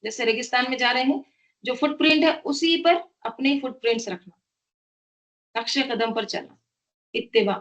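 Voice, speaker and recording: A woman's voice: fairly high pitch, normal speed, pauses often, fairly bright tone. Woman teaching a Quran lesson, lo-fi. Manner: explains word by word, checks in with "right?". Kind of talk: tafseer lesson. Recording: dull lo-fi sound.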